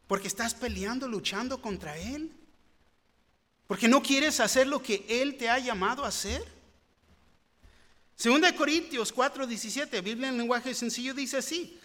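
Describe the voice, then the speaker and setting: A man's voice: extremely high pitch, pushed and bright. A man preaching a sermon, earnest and rising into fervent pleading. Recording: long hall reverb.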